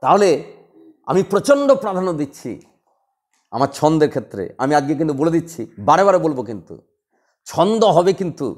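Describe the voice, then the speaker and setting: A man lecturing a class of students, firing short questions and repeating them until they answer. His voice sits high and moves in wide, animated leaps. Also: brisk, pauses often. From West Bengal. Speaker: teacher.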